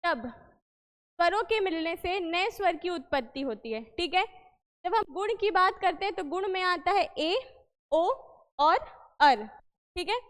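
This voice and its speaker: A woman's voice: extremely high pitch, expressive, unhurried, pauses often, a bit bright, big-room sound. A woman teaching a Hindi lesson for exam preparation, explaining patiently, repeating points and quizzing the listener.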